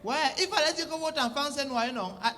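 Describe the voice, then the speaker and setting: A man's voice: very high-pitched, expressive, a little fast, pushed and bright. A young adult man performs a comic one-sided phone-call sketch. He plays a bossy emergency operator who scolds his callers in mock-official phrasing. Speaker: comedian.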